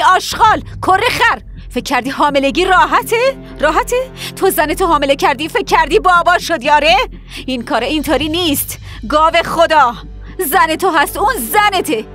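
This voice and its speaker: A woman's voice: sits high, fairly bright tone. A woman voicing a fierce mother who berates and threatens her grown son in a dubbed TV drama.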